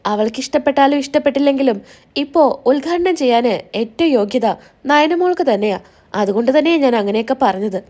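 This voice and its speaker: A woman's voice: high voice, animated, brisk, darkish tone. A woman voicing a firm matriarch who settles family business decisively. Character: firm older matriarch favoring one daughter-in-law.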